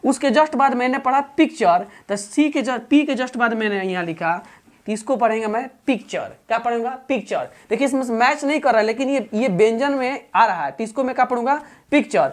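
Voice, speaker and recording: A woman's voice: fairly high pitch, animated, normal speed. A woman teaching English pronunciation in an online video lesson. She explains patiently and repeats herself, often prompting viewers to pay attention.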